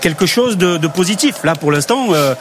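A male radio sports commentator with a slightly raised voice keeps pausing on fillers and restarts. He talks through the live broadcast over a faint hum from outdoors. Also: high voice, lively intonation. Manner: halting, heavy with fillers.

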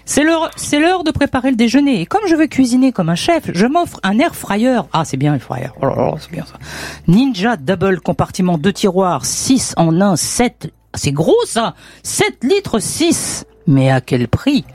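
A woman hosting a radio call-in game show, with a bouncy, lively voice that swings up and down. She talks in a chatty, teasing way, joking as she reads out the questions. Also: medium pitch, a little slow, no echo.

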